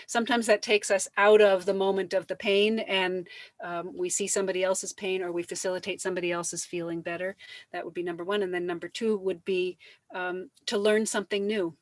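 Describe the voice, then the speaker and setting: A woman's voice: mid-range voice, dry recording. Reflective woman, dry close sound. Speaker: artist, panel guest. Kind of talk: conversational advice. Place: online video call.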